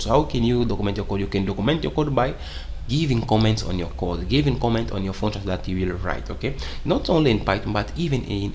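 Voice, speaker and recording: A young Portuguese-speaking man teaches programming in English during a casual screen-share tutorial, rambling and often checking in with "okay?" amid non-native grammar. His voice is lowish, with slight background noise.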